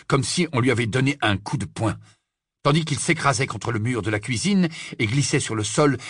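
A man narrating an audiobook with a measured, dramatic storytelling delivery. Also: medium pitch, a bit bright, breathy edge, dry recording, studio quality. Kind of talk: scripted narration.

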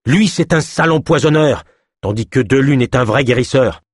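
A man's voice: mid-range voice, moderate pace, slightly rough, no echo, studio quality, pitched above the performer's own voice, natural voice. A man voicing a defiant old female healer who scolds her accuser. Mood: accusing. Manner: scolding, sharp retorts.

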